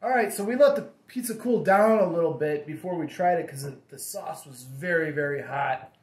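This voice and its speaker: A man's voice: on the high side, moderate pace. Easygoing man hosting a home pizza review. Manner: easygoing, talks to his son, many ums and likes. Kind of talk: casual food review chat. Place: home dining table, indoors. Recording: roomy home echo.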